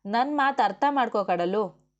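A woman's voice: a little high, lively intonation, measured pace, dull audio. Brief: woman reader voicing a bossy, short-tempered male official in an audiobook, giving curt orders. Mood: pleading. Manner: commanding, scolding. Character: stern male officer and husband, quick-tempered. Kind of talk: audiobook character voice.

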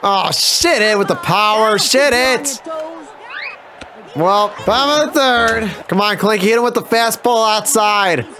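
High-voiced gamer man yelling at his team. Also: a little slow, crowd noise. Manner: excitable, swears and yells at the players. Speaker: gaming YouTuber. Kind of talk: live gameplay commentary.

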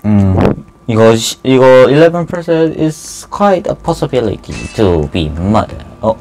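A man giving casual commentary on an online game he is playing, swinging between loud cheers and nervous muttering. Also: medium pitch, very animated, extremely slow, faint music behind, low-quality recording. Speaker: gaming YouTuber.

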